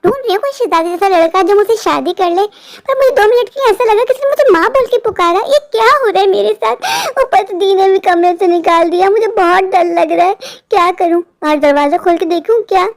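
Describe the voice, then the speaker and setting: A scared younger sister in a cartoon horror tale, very high-voiced, pleading and fretting aloud, voiced by a woman. Nervous and vulnerable throughout. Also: fairly quick. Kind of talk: animated horror story voice acting.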